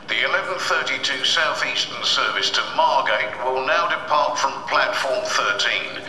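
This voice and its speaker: A man delivers a formal public-address announcement, like those in stations and airports. His voice is very bright and forceful, with measured phrasing. It rings through an echoing hall with music behind. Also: medium pitch.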